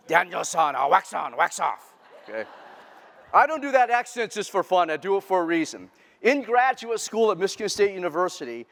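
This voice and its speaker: A man giving a humorous keynote talk to a live audience, lively and quizzing the crowd. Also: sits high. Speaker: keynote speaker. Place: large lecture hall before an audience. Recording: long reverb of a large hall.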